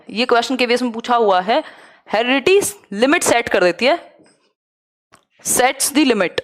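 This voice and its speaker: A young woman with a Hindi accent leads a live online exam-prep lesson. Her voice sits a little high, and she keeps asking rhetorical questions while mixing English terms into her explanations. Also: a bit bright. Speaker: teacher.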